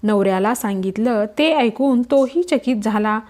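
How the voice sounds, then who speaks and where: A woman slowly reading aloud a devotional story in a measured, solemn manner. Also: on the high side, expressive, a little mellow.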